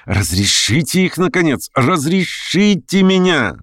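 A man voicing an eager, fast-talking young man who fawns and chatters in a lively, excitable patter. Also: on the high side, no room sound, clean studio sound, pitched above the performer's own voice, heavily acted. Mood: excited. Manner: rapid, excitable, wheedling patter. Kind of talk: audiobook character voice.

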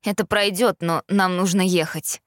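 A woman with a voice on the low side, fairly even in intonation and close to an everyday voice, speaks at a moderate pace. She voices a drained young man who is a medium, sounding strained and urgent. The recording is clean studio sound with no room sound.

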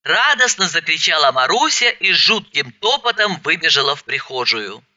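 A woman's voice: low voice, sing-song, normal speed, pushed and bright, no room sound, lo-fi sound. A woman narrating a first-person story aloud, expressively acting out the dialogue.

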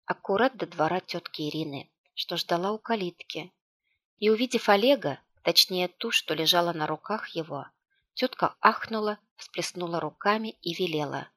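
A woman reading an audiobook aloud, with a hushed, tense delivery and light character voicing. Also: lowish voice. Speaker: audiobook narrator.

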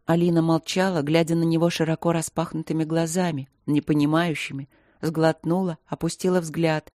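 A woman narrating a fantasy audiobook in measured, expressive storytelling. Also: deep voice, dry recording, clean studio sound. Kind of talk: scripted narration.

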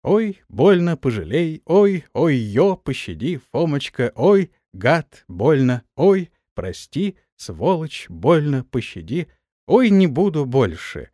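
A man's voice: medium pitch, very animated, normal speed, few pauses, darkish tone, no room sound, clean studio sound, natural voice. A man voicing a brash, cheeky young elf girl in an audiobook, squealing and whiny. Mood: wailing.

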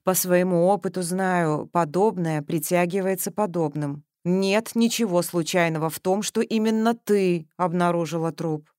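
Steady, reassuring fatherly man, voiced by a woman narrator. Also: on the low side, normal speed, few pauses, dry recording, clean studio sound, close to an everyday voice. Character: middle-aged man, calm, fatherly, firm.

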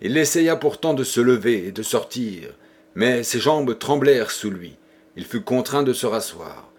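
A man narrating a classic novel for an audiobook in a measured, literary reading. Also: medium pitch, animated, a little mellow, husky.

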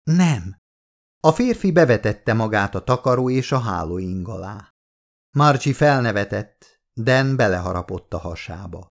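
Man, audiobook narrator, low voice, gravelly fry, measured reading. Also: expressive. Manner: measured storytelling read-aloud.

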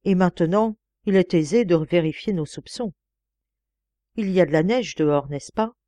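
Sure young male detective in a storybook reading, calm, explaining, mellow low voice, read by a woman. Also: moderate pace, no room sound, lightly acted. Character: young clever male detective, self-assured.

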